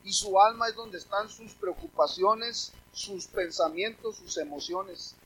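High-voiced emphatic male preacher. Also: a little slow, a bit bright, husky, low-quality recording. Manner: emphatic, addresses the congregation with questions. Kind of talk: sermon with scripture reading.

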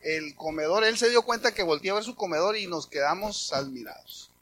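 High, bright-voiced Mexican preacher man. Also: fairly quick, slight background noise. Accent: Mexican Spanish. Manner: conversational storytelling, animated quoting. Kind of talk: sermon testimony.

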